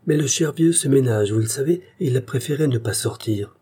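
A man's voice: medium pitch, brisk, mellow, slightly rough, pitched above the performer's own voice, close to an everyday voice. Man doing a teasing young man. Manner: light and teasing.

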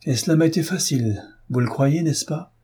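A man's voice: medium pitch, moderate pace, warm tone, slightly rough, close to an everyday voice. A man reading an audiobook, voicing an earnest, proud young upper-class woman who speaks with heartfelt, emphatic pleading. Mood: impassioned.

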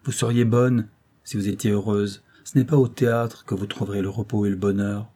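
A man voicing an earnest young man in love, speaking in a grave, calm and measured way in an audiobook reading. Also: lowish voice, breathy edge.

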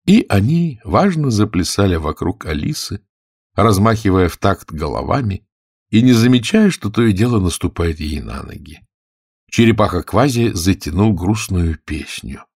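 A man narrating a fairy-tale audiobook with expressive, animated reading. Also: low-pitched, normal speed, husky, no echo, studio quality. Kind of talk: storybook narration.

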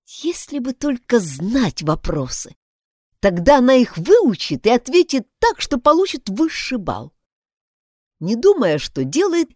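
A woman narrating a children's storybook in an expressive, animated reading. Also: medium pitch, no room sound, studio quality.

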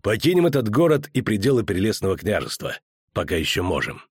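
A man voicing a stern, impatient witcher in a low, gruff voice in an audiobook. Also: big pitch swings, brisk, no echo, studio quality, full character voice.

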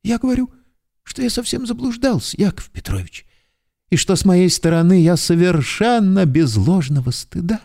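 A man's voice: mid-range voice, very animated, measured pace, mellow. A man voicing a timid, fawning middle-aged clerk who keeps pleading humbly and formally for forgiveness in an audiobook. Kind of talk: audiobook character voice.

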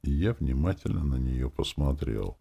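Low-voiced male audiobook narrator. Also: animated, moderate pace, gravelly, mellow, breathy edge, muffled recording. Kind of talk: first-person audiobook narration.

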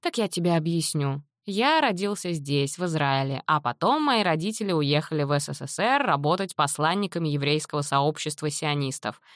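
A woman's voice: deep voice, no room sound, clean studio sound. A woman voicing a cheeky, talkative teenage boy who teases and explains things at length, in a storybook reading. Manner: chatty, teasing, lively explaining.

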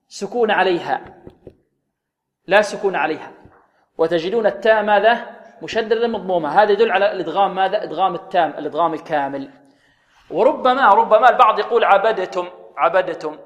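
A man's voice: sits high, long reverb tail. A man teaching Quran recitation rules, drawing out words in a chant and asking questions that he answers himself. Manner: models correct and wrong pronunciations, drawn-out chanting. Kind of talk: tajweed lesson.

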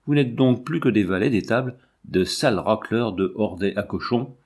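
A man's voice: on the low side, normal speed, darkish tone, breathy edge. A man voicing a bitter, vengeful middle-aged farmer in an audiobook, speaking with insulting fury. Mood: angry, vengeful. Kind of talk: audiobook character reading.

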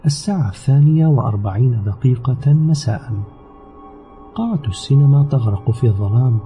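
A man narrating an audio novel in a steady, measured storytelling manner. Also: mid-range voice. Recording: slightly dull recording with background music. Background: soft music.

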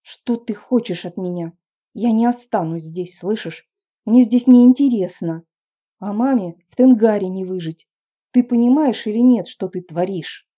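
A woman's voice: mid-range voice, takes it slowly, warm tone, highs cut off. A woman voicing an angry, resentful nineteen-year-old brother who hisses his words, in an audiobook reading. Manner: hissing, resentful. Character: angry male teen brother, sullen.

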